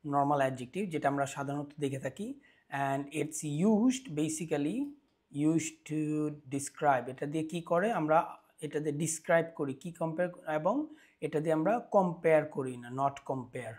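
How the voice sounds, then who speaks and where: A man teaching English grammar, switching between Bengali and English and slowing down to spell out English example phrases. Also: on the high side, a little mellow. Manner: slow, deliberate pace on English example phrases; asks questions and answers them himself. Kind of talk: explanatory lesson.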